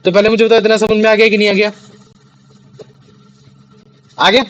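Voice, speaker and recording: High-voiced young male teacher quizzing a class. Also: little pitch movement, normal speed, a bit bright, lo-fi sound. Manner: repeats questions to check understanding. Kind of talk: classroom lesson. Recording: faint background noise.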